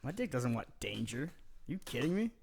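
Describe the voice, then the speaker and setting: A man's voice: medium pitch, very animated, moderate pace, creaky, a little mellow, breathy edge. A young man co-hosting a podcast, cutting in with crude, teasing jokes. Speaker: podcast co-host. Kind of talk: casual chat.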